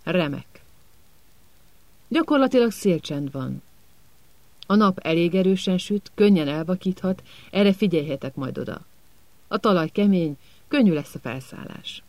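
A man reading an audiobook, voicing a young team captain giving brisk instructions. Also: high-pitched, animated, a little mellow, no echo.

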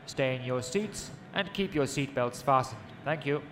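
A man voicing an airline pilot giving formal announcements over a loudspeaker. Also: medium pitch, animated, normal speed, noisy background, pitched above the performer's own voice.

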